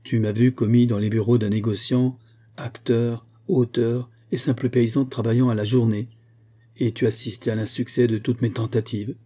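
A man's voice: mid-range voice, flat delivery, normal speed, dark tone, natural voice. A male audiobook reader voicing a weary aging father who speaks in a somber, brooding way.

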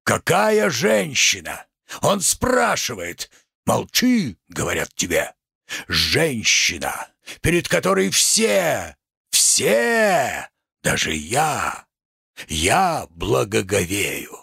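A man plays a pompous, wrathful provincial tragedian who rants in grand, drawn-out phrases, his pitch leaping wildly. The voice is gravelly and husky, recorded dry and close. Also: wildly swooping pitch, pushed and bright, no echo, heavily acted. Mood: grandiloquent. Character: pompous ranting provincial tragic actor, man. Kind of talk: reading a stage play aloud.

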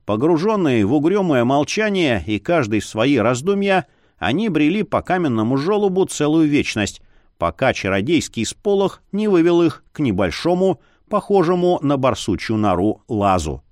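Expressive man narrating a fantasy audiobook. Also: on the high side, normal speed, no room sound, studio quality. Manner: expressive, changes voice for each character.

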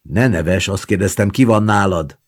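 A man voicing an anxious, sheltered elderly grandmother in an audiobook reading. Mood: calling out. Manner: high, pleading old woman's voice. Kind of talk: audiobook character voice.

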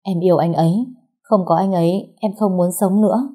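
A woman's voice: lowish voice, fairly even intonation, brisk, mellow, husky. Woman voicing a sobbing pregnant young woman. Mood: tearful pleading. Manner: sobbing, pleading. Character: tearful pregnant young woman, abandoned and pleading.

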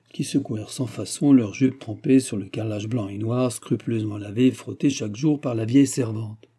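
A man narrating a classic French novel as an audiobook, in a steady, measured reading. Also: lowish voice, slightly rough.

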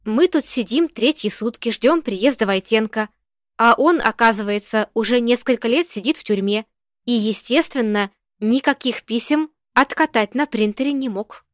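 A woman reading the lines of a cool, ironic woman who speaks slowly, calmly and precisely. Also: a little high, dry recording, clean studio sound, close to an everyday voice.

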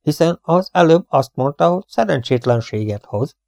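Brief: male reader as a jumpy, impatient prince, raised pitch, mellow and dry. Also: animated, creaky, no room sound. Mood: agitated. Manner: agitated, eager, raised voice. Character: excitable impatient nobleman, a prince.

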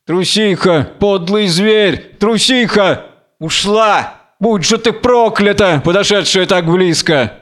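A man's voice: sits high, unhurried, clear, resonant tone, voice pushed up. Samson, a man doing a raging blind prophet. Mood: furious. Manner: wild, exalted, taunting declamation. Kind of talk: theatrical audiobook reading.

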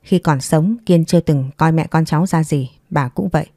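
A woman voicing a composed, divorced young mother who speaks calmly and firmly, weighing each word. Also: low-pitched, no echo, studio quality. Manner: calm, measured, clipped.

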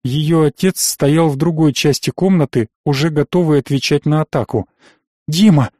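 A man with a fairly high voice narrates a first-person fantasy audiobook. His delivery is measured and tense. The recording is close and dry, with no room sound. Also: warm tone, dry recording.

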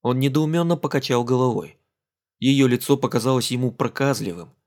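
A man narrating an adventure audiobook in a steady, even storytelling manner. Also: medium pitch, fairly quick. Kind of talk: scripted narration.

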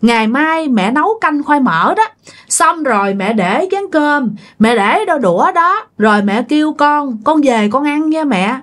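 The ghost of a young man, tearful and longing, pleading in a raised, wavering voice, as a woman storyteller puts him on. His voice climbs high and swings widely as he cries and begs. It is part of a spoken ghost story. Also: lively intonation, measured pace, a bit bright. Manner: pleading, crying.

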